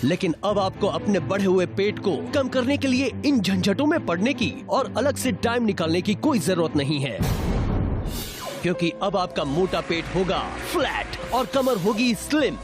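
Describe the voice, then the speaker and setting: A man's voice: high voice, sing-song, moderate pace. A man reading scripted infomercial narration as a sales announcer. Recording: music bed behind voice.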